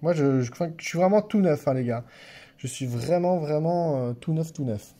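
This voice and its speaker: In an office with a noisy background, a card-opening channel host talks viewers through opening packs in a fairly high voice at a moderate pace. He's casual and chatty, hesitant, repeating words with a slight stammer and a non-standard French accent, and often speaks directly to viewers.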